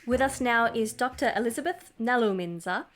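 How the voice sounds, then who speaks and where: A woman's voice: fairly high pitch, expressive, brisk, fairly bright tone. A woman co-hosting a science podcast, steering the talk in a friendly casual way and introducing her guest. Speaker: podcast co-host.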